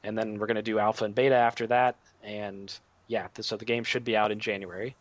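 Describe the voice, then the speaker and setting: A man being interviewed about his game, talking in a relaxed, rambling way full of "like" and "um". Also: on the low side, fast. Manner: relaxed, filler-heavy, lots of "like" and "um". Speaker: game developer guest. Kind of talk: podcast interview. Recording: dull lo-fi remote audio.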